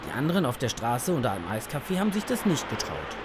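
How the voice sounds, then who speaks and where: A woman's voice: a bass voice, sing-song, quick pace, background noise. A woman voicing a kind father who reassures his son and reads aloud. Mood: reassuring. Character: kind father, warm and approving.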